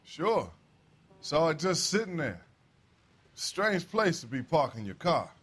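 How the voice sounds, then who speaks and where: A folksy American railroad worker in a crime drama game. His voice sits a bit high, and he answers in a plain-spoken, slightly defensive way. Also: sing-song, slow, fairly bright tone, slightly rough, full character voice. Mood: casual, cooperative. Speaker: witness being questioned. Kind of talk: acted crime drama dialogue.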